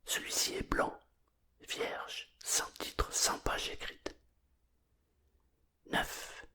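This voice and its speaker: Someone whispering a bedtime story, breathy murmur, really slow and soothing, asmr kinda thing. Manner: slow, soothing, hushed pacing with pauses.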